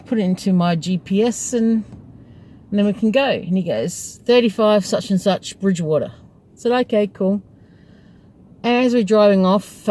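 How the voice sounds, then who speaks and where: A woman's voice: mid-range voice, warm tone, slight background noise. A woman tells a story from her job as a taxi driver. She talks in a chatty, wry way and laughs as she goes. She sits in her parked cab at a taxi rank. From Australia. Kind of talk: casual storytelling vlog.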